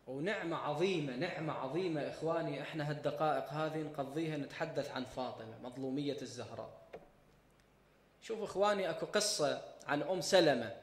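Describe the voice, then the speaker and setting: A man with an Iraqi Arabic accent preaching a mourning sermon, impassioned and swinging between hushed and loud delivery. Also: fairly high pitch, fast. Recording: echoey hall reverb.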